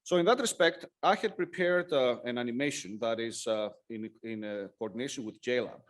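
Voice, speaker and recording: A man giving a technical lightning talk with slides, speaking haltingly with frequent hesitations and self-corrections. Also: medium pitch. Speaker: conference presenter.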